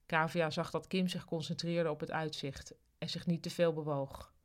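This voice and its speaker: A storyteller with a voice of middling pitch, reading a serialized podcast episode. The delivery is dry and even, letting the small absurdities speak for themselves. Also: normal speed. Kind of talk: scripted narration.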